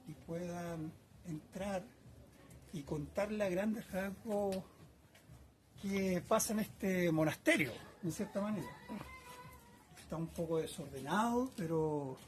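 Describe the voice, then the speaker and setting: A man's voice: sits high, background noise. Older Chilean man reminiscing in an echoey workshop. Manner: reflective, unhurried, frequent hesitations and tag questions. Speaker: painter being interviewed. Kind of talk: casual reminiscing interview. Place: his home painting workshop.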